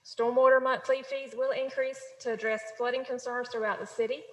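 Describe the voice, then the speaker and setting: A woman on city staff presenting a budget at a council meeting, reading out figures in a steady, businesslike way. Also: sits high, brisk. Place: council chamber. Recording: echoey chamber with long reverb.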